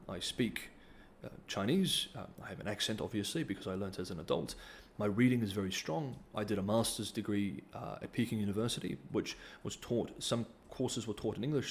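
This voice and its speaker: A livestream host from New Zealand reads donor comments in a casual Q&A, his fairly low voice brisk with hardly any pauses. Still, he's hesitant, with plenty of ums and restarts, and the audio has a little hiss or hum.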